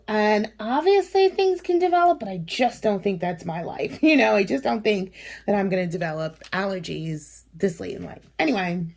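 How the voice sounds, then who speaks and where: A woman in her forties, a vlogger getting over a cough and sore throat, tells a long personal story in a casual chat. Her voice is a little high and a little mellow. She rambles with plenty of fillers and laughs often.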